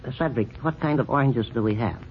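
An actor playing a pompous, fussy older male country doctor who lectures in a drawn-out way, in old radio comedy. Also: mid-range voice, close to an everyday voice. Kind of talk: 1930s radio comedy acting. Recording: dull old radio recording with faint hiss.

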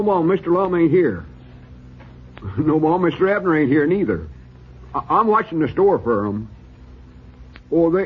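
Dopey young store clerk, raspy, stammers, voice jumps all over, scratchy old radio sound. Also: male voice, on the high side, phone-quality sound, exaggerated voice. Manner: slow-witted and obliging. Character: dim, eager young male country store clerk. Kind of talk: 1930s radio comedy acting.

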